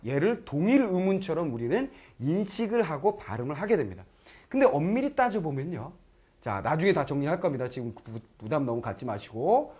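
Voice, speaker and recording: Give me a middle-aged male grammar teacher with a lively, bouncing delivery. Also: on the high side, brisk, breathy edge. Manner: lively, keeps checking students understand; acts out foreign learners' lines in quoted voices. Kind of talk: online lecture.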